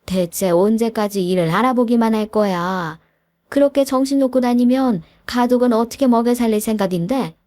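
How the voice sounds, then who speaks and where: A woman's voice: a little high, normal speed, darkish tone, dry recording, clean studio sound, close to an everyday voice. A woman voicing a blunt, worried middle-aged mother who scolds her son-in-law in a storybook reading. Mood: scolding. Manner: blunt, nagging questions.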